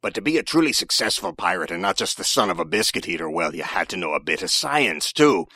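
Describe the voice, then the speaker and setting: A man's voice: sits low, sing-song, fast, sharp tone, slightly rough, dry recording. A man hosting a scripted science segment, delivering it playfully in a mock-pirate manner. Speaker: science podcast host.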